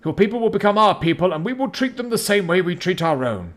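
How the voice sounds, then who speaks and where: A man putting on a stern female general, commanding and formal, with a lively, swinging pitch pushed up well above his own. A storybook reading. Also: quick pace.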